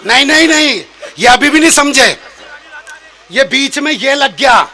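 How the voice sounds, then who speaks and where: A young man telling a comic story on stage as a comic poet, animated and shouting out his punchlines. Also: extremely high pitch, a little slow, some chatter behind. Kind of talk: live humorous storytelling on stage. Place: stage at a poetry gathering.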